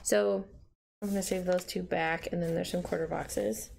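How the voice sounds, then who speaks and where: A woman's voice: fairly low pitch, steady tone, moderate pace, creaky, darkish tone, a little hiss or hum. A young adult woman chatting casually and rambling with many fillers while she decorates her planner. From United States. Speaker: planner vlogger. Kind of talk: casual plan-with-me chat.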